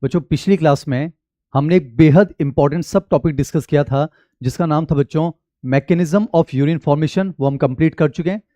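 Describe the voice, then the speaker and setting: Indian male teacher with a warm voice. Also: on the high side, moderate pace, dry recording. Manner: repeatedly addresses students as children, mixing Hindi and English terms. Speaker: biology teacher. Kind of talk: exam-prep lecture.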